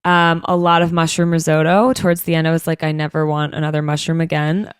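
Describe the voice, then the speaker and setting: A woman's voice: deep voice, level tone, quick pace, smooth, no room sound, clean studio sound. A woman co-hosting a podcast in casual chat, playful and teasing in manner. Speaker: podcast co-host.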